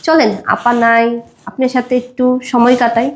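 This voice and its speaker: Brief: actress as a flirty sister-in-law in a short film, high voice, coaxing and playful. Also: female voice, fairly even intonation, moderate pace, lightly acted.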